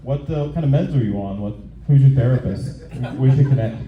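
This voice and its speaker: Man on stage doing echoey open-mic stand-up. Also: mid-range voice. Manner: halting, conversational, repeats phrases. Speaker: stand-up comedian. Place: live comedy venue on stage. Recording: echoey room, dull muffled sound.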